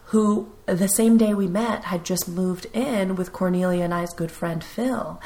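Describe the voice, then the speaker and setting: A woman's voice: on the low side, takes it slowly, warm tone. A woman in her twenties hosting a podcast, telling rambling stories about college and dating with a self-mocking humor. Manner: rambling, laughing, self-deprecating. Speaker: podcast host. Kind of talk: casual storytelling chat.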